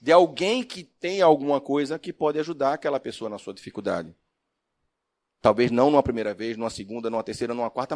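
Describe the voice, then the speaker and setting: A man giving a religious lecture as a spiritist speaker and professor, telling stories expressively and asking the audience questions. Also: a little high. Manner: expressive storyteller, asks the audience questions, swings from loud to soft.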